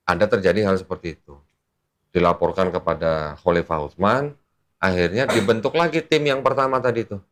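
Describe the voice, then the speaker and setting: Deep-voiced man explaining patiently. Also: fairly quick. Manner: patient, uses everyday examples, laughs often. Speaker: Islamic teacher explaining to a guest. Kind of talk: casual explanatory chat.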